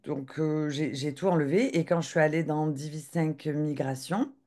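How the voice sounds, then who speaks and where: A woman giving a live software demo on a video call, talking hesitantly with lots of filler sounds and restarts. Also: sits low, steady tone, normal speed.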